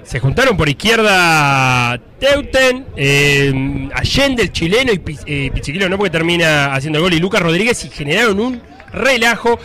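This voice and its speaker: A Uruguayan man works as a radio football analyst, breaking down plays in an explanatory, unscripted way. His voice sits high for a man and sounds bright and insistent. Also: big pitch swings, moderate pace. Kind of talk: spontaneous tactical radio commentary.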